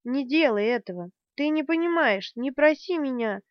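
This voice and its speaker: A woman gives voice to a young man in an audiobook, begging through tears in a fairly high voice. The recording is dry and a little muffled. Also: animated, moderate pace, no echo. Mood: pleading, tearful. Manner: pleading, tearful. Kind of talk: audiobook character reading.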